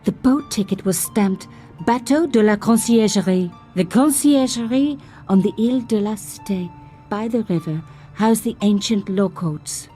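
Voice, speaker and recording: A woman's voice: mid-range voice, unhurried, mellow, soft background music, close to an everyday voice. An actress voicing a young woman journalist who narrates her sleuthing with dry, self-mocking asides. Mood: wry. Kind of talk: game voice-over narration.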